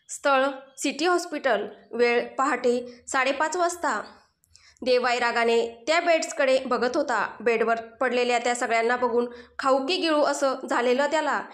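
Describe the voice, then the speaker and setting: A woman narrating a comic story in an expressive storytelling manner. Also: high voice. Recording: roomy echo.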